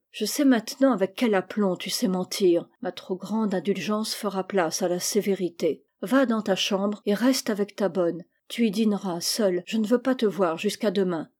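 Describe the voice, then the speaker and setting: A woman reading a sad, gentle mother. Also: mid-range voice, close to an everyday voice. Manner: sorrowful and soft.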